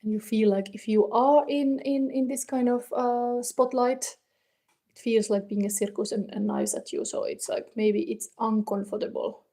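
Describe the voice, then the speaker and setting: A woman from Finland, speaking hesitant non-native English with a Finnish accent, chats with live-stream viewers as she casually reads tarot and thinks aloud. Her pitch is fairly high, her intonation fairly even, and her tone warm. She's recorded on a phone in a warm indoor room.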